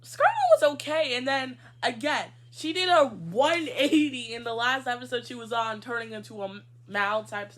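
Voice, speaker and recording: Bright-voiced woman chatting animatedly. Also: fairly high pitch. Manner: animated, laughs often, drawn-out emphasis. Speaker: co-host. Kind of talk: casual chat recapping a cartoon.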